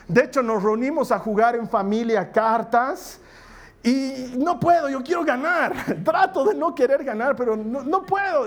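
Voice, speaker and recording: High-voiced preacher, playful and conversational. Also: male voice. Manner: humorous, storytelling, slows for emphasis. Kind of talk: conversational sermon.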